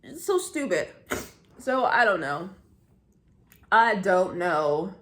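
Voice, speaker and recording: Vlogging to camera, a woman launches into a heated, rambling rant, swearing often and restarting her sentences with plenty of fillers. Her voice is medium in pitch, fairly bright and sing-song, and she speaks at a slow pace.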